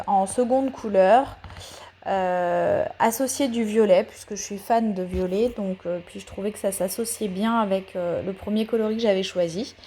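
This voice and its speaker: A woman talking through a paper craft tutorial in a voice-over, hesitant, with many pauses and fillers, explaining each step patiently. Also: medium pitch, warm tone.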